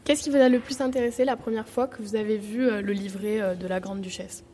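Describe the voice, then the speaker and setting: A woman from a press club asks prepared questions, pausing often with fillers. Her voice sits at an ordinary pitch. Faint hiss lies under it. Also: steady tone, mellow. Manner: hesitant, with frequent fillers. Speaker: student press club interviewer. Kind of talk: reading interview questions.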